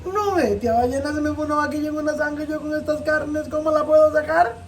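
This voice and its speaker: A woman's voice: high-pitched, steady tone, fast, lightly acted. A woman with a Costa Rican accent voicing a sly, skinny little male rabbit trickster who pleads and wheedles in a told folk tale. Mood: wheedling. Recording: distant mic with faint noise.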